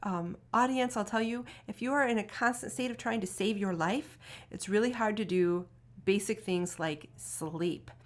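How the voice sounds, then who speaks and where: A woman hosts an interview conversation and speaks with open enthusiasm. She laughs easily between her thoughts. Her voice sits at a typical middle pitch. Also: normal speed.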